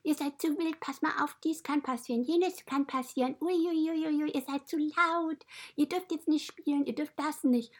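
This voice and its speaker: Woman doing a high, nagging little dog. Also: normal speed, close to an everyday voice. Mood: scolding. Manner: nagging, fussy scolding. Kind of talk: children's podcast storytelling.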